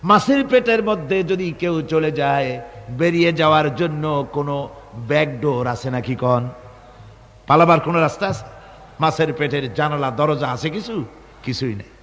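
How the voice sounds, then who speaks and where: A man preaching a sermon, shouting at the peaks and chanting verses in a fervent, impassioned way. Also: fairly high pitch, normal speed, faint music behind. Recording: long hall reverb.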